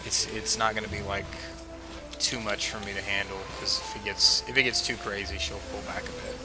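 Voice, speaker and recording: Fairly low in pitch and brisk, this man's flat delivery carries his casual livestream chat. He's a streamer playing a game to background game music, rambling self-mockingly while fighting a head cold and a chesty cough.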